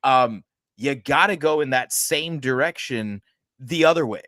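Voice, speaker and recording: Co-hosting a horror movie podcast, a man chats casually and slowly in a drawn-out, mid-range voice, but keeps tipping into excitement, laughing often and swearing when worked up. The sound is dry and close to the mic with no echo.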